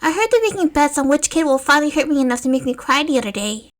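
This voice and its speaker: Woman voicing a young boy, high, chirpy, lively, resigned beyond his years. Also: fast.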